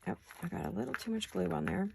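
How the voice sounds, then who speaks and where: A woman's voice: medium pitch, wildly swooping pitch, fast, vocal fry, noisy background. A woman hosting a crafting video, chatting casually and talking to herself as she works. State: hiccups. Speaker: crafting channel host. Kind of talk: casual crafting chat while working.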